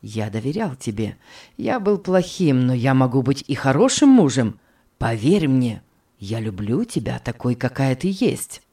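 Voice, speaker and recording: A woman's voice: rumbling low, big pitch swings, a little slow, mellow, husky, pitched below the performer's own voice, heavily acted. A woman voicing an anguished married man begging his young lover to take him back, in a read-aloud story. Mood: pleading. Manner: pleading, wheedling.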